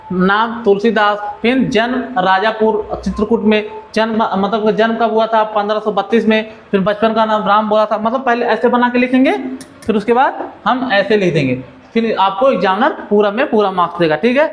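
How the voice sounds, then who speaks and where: High-voiced teacher drilling facts. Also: male voice. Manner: repeats questions to students and answers them. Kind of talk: exam-oriented lesson.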